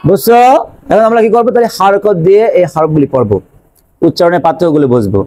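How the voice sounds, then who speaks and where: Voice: medium pitch, big pitch swings, quick pace, mellow. A teacher leads a classroom pronunciation drill. The teacher asks questions and answers them, repeating each letter sound several times. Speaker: Quran recitation teacher.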